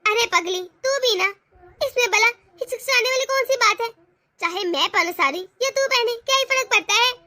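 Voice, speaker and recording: A woman voicing a kind, agreeable young wife in an animated family cartoon, speaking soothingly to her family. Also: very high voice, fairly quick, no room sound. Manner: warmhearted, soothing.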